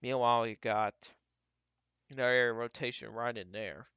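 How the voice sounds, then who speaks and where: A man giving casual, off-the-cuff live weather radar commentary as a livestream storm tracker, halting and repeating himself as he talks through what he scans. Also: medium pitch, steady tone, sharp tone, clear, resonant tone, no echo, muffled recording. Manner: talks to himself while scanning, halting and repetitive.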